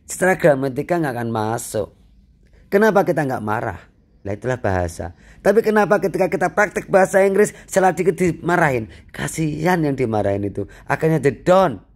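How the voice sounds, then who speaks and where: A man teaching a free English lesson, lively, asking and answering his own questions and repeating key phrases for emphasis. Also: on the high side, a little fast.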